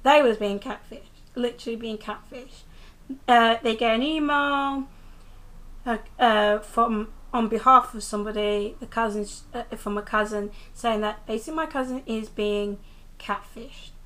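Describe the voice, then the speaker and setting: A young woman from the United Kingdom gives a casual, rambling review of a TV episode, speaking into a handheld camera held close to her face. Her fairly high, slightly bright voice moves a little slowly, full of ums and restarts.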